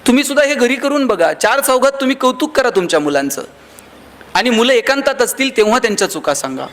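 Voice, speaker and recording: A man's voice: very high-pitched, lively intonation, quick pace, a bit bright. A man giving a motivational speech to a live audience, telling humorous stories and acting out the voices of the people in them. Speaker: motivational speaker.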